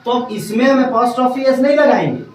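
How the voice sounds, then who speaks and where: A man's voice: very high-pitched, normal speed. A man teaching a grammar lesson to a class, often stopping to check whether his students have understood. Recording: echoey room from far off.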